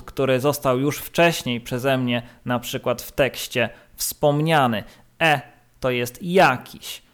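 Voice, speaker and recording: Slow, patient Polish teacher, male. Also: medium pitch. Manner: slow, patient, repeats words for drilling. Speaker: English teacher. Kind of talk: grammar lesson.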